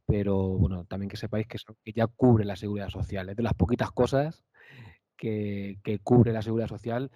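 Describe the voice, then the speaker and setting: A man's voice: lowish voice, fairly even intonation, brisk, warm tone, no echo. A man with a Spanish accent, a speech therapist answering questions on a panel, explaining with frequent fillers and tag questions.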